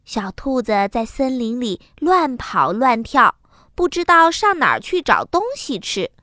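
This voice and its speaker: Woman reading a kids' story, bright lively voice, slow and dry close mic. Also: on the high side, no echo. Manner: slow, expressive, singsong. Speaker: children's storyteller. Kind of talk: children's story narration.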